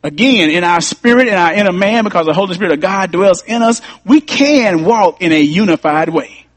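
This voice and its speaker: A man's voice: high-pitched, animated, normal speed, no room sound. A man preaching a sermon as pastor, repeating key lines and rising to emphatic peaks.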